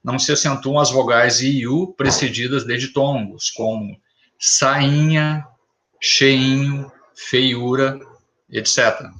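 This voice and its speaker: A man gives a grammar lesson at a slow, deliberate pace. He sets out examples one word at a time, in a voice of ordinary middle pitch. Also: steady tone, pushed and bright. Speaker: teacher.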